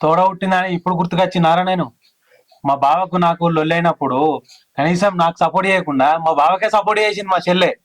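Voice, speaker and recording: An actor playing a bitter elder brother who harshly refuses to help, in a Telangana Telugu accent. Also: male voice, high voice, fairly even intonation, fast talker, natural voice, rough recording. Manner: harsh, dismissive.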